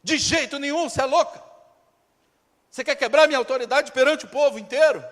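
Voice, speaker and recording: A man preaching, voicing a furious old king who scolds his daughter in a loud, rising voice, in a reverberant church hall. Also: very high voice, a little fast, pitched above the performer's own voice. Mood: outraged. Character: furious old king, stern male ruler.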